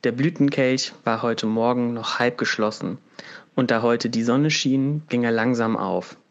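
A man voicing a slow, calm and contemplative snail in a read-aloud fable, speaking gently and without hurry. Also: mid-range voice, dull audio, lightly acted. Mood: serene.

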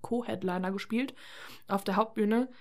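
A woman's voice: mid-range voice, normal speed. A woman co-hosting a casual chat, telling a story with energy, acting out quoted dialogue and swearing now and then. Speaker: podcast co-host.

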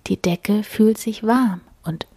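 Slow gentle woman storyteller, half-whispered. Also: mid-range voice, breathy edge, dry recording. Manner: gentle, hushed. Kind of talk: soft bedtime story reading, partly whispered.

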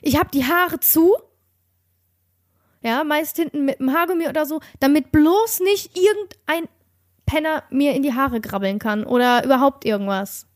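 A young woman with a notably high voice talks in a relaxed chat. She tells her story in an animated way, stumbling and restarting as she goes, with plenty of fillers. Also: normal speed. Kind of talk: casual chat.

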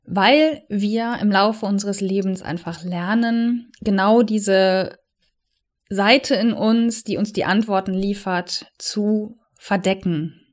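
Earnest soft-spoken woman reflecting. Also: medium pitch. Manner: soft, earnest, slows down to stress key words. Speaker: coach. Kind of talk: personal reflective monologue addressed to listener.

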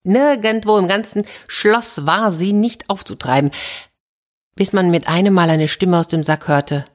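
A woman's voice: on the low side, unhurried. A woman hosting a children's story podcast, telling a fairy tale and speaking directly to young listeners. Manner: warm-hearted, addressing children directly.

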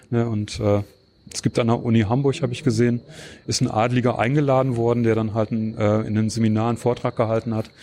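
A man answering interview questions, explaining at length and pausing often with fillers and tag questions. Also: medium pitch, mellow, a little hiss or hum. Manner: hesitant, many filler sounds and tag questions. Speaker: interview guest.

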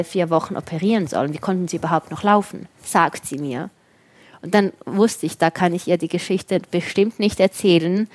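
Young woman chatting, telling a story all animated, voices people in quick bits. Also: lowish voice. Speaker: storyteller in a conversation. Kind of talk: casual chat.

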